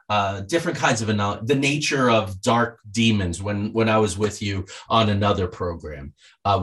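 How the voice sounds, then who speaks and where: A man being interviewed as a guest author, talking in a lively, storytelling way and acting out the voices of people he quotes. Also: on the low side.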